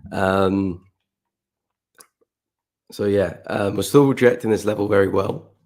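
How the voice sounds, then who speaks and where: Hosting a live forex market analysis stream, this man speaks slowly with a fairly low, steady, slightly mellow voice. He sounds croaky and repeatedly clears his throat while chatting easily and calling out viewers by name.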